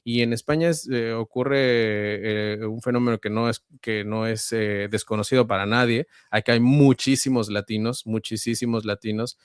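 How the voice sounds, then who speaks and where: A man with a central Mexican accent, a voice-over artist and guest, explaining at a measured pace with frequent hesitations. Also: on the low side, fairly even intonation, clear, resonant tone, dry recording, studio quality. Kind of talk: conversational interview answers.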